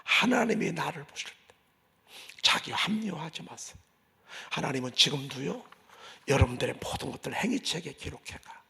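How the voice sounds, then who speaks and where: A male pastor preaching a sermon in a church, swinging from loud declarations to hushed asides. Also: a little high, sing-song, normal speed, gravelly, pauses often. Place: church sanctuary.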